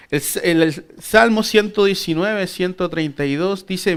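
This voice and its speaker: A man's voice: sits high, clean tone. A man teaching a Bible class at church, earnestly addressing his listeners as brothers and often checking in with them. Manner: keeps calling listeners "brothers" and asking "right?"; earnest, uneven emphasis between soft asides and raised points.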